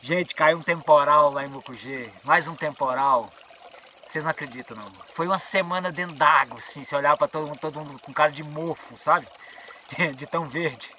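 A Brazilian man tells a story in a casual vlog recorded outdoors on a trail. His voice sits a little high and sounds bright and tense, and he mimics the people in his story. A faint trickle of water runs behind him. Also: fairly quick, a little hiss or hum. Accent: Brazilian Portuguese. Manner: lively storyteller who acts out what people said. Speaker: mountain biker vlogger.

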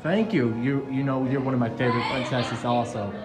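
Young male fan: earnest, excited, halting casual talk, roomy sound with a loud crowd. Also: medium pitch. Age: young adult. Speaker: fan visiting theme park characters. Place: busy theme park greeting area. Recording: echoey, loud crowd and music.

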